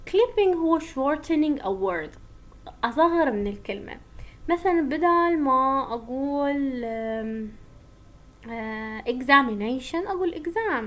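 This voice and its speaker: A young woman with an Iraqi Arabic accent giving a university lecture, switching between Arabic and English as she explains terms step by step. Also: high voice. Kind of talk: online linguistics lecture.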